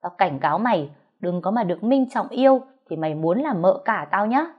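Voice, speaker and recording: A woman voicing a spiteful young woman, a demoted concubine, who scolds and sneers in a high, shrill voice in a storytelling audiobook. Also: lively intonation, a little fast, dull audio, lightly acted. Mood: contemptuous.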